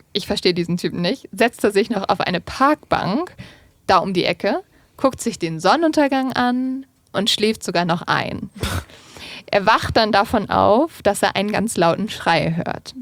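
A woman's voice: mid-range voice, no room sound. A young adult woman hosting a podcast, telling a true-crime case in a casual storytelling manner with colloquial fillers. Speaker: podcast host.

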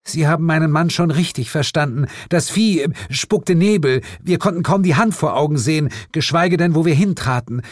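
A man voicing a sharp-tongued, worried mother in an audiobook, snappy and indignant, raised well above his own pitch. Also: moderate pace, few pauses, no room sound, studio quality, close to an everyday voice. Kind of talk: audiobook character voice.

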